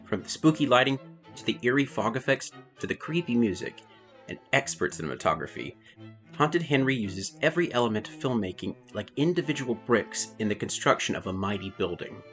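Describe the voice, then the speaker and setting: A man delivers a scripted review in a fairly lively voice of average pitch. Soft music plays behind him. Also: brisk.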